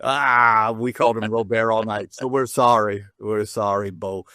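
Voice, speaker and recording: A middle-aged man talks high school football in a loose, rambling way, doubling back and joking at his own expense. His voice sits on the lower side. It is recorded dry and close, with no room sound. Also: steady tone, unhurried, sharp tone, no echo. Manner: rambling, chatty, restarts with self-deprecating jokes. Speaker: sports show host. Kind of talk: casual sports talk.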